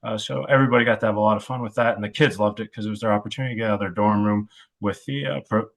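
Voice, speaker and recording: A man in his thirties, a football coach and podcast guest, speaking reflectively and haltingly with many filler sounds. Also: on the low side, fairly even intonation. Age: 30s. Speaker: wide receivers coach. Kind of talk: podcast interview.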